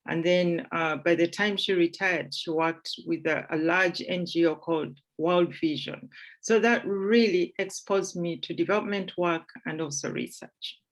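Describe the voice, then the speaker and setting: A woman in her forties from Uganda, speaking as a guest at a panel discussion, measured with frequent fillers. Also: fairly low pitch, fairly even intonation.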